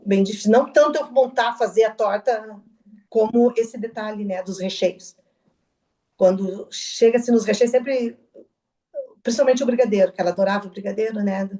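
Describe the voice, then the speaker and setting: Middle-aged woman, interview guest; mellow, faintly high voice, halting testimony. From southern Brazil. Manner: halting, soft-spoken, with restarts and quoted dialogue. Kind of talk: personal testimony.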